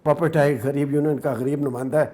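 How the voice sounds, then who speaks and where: A man's voice: on the high side, fairly even intonation, warm tone. A man in his sixties with a Pakistani Urdu accent, an actor telling his life story as an interview guest.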